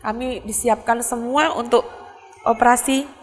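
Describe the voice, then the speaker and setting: A middle-aged woman giving an earnest personal testimony, speaking haltingly with many pauses and fillers. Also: a little high, steady tone, big-room sound. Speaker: guest telling her life story.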